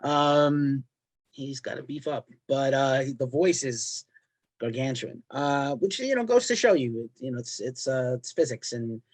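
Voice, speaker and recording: Chatty man interviewer, mid-pitched voice. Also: animated, measured pace. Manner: chatty, joking, friendly banter. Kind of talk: casual interview chat.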